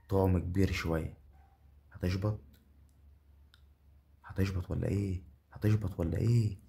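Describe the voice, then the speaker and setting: A young Egyptian man talks over his betting game in a low, dark, gravelly voice. He keeps repeating himself, egging the game on, and now and then his voice jumps up in loud excited bursts. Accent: Egyptian Arabic. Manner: hyped, repetitive commentary with sudden excited bursts. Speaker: betting channel host. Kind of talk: gambling live commentary.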